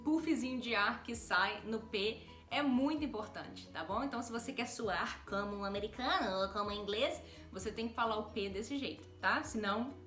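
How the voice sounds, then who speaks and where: A Brazilian woman with a Brazilian Portuguese accent, giving a casual video lesson as an English teacher. She deliberately exaggerates sounds to demonstrate them and keeps checking in with her viewers. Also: fairly high pitch, a bit bright. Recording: roomy echo with faint background music.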